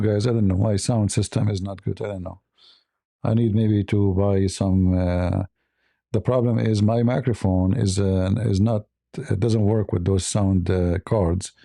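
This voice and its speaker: A man hosting a livestream debate, raspy and mocking, halting with many fillers. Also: fairly low pitch, warm tone, dry recording, clean studio sound. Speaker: host.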